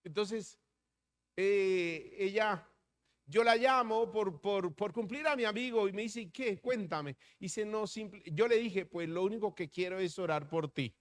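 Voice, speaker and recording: A middle-aged pastor preaches a sermon, his voice sitting high for a man. He throws rhetorical questions at the congregation and slips into telling stories from his own life. He shifts between slow, stressed phrases and quick asides.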